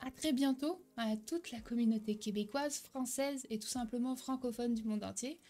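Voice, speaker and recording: A woman's voice: fairly high pitch, moderate pace, soft background music. Upbeat young woman coaching the viewer. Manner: energetic, checks in with a frequent "ok?"; some hesitations and self-corrections. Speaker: online selling coach. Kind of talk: direct-to-camera tutorial.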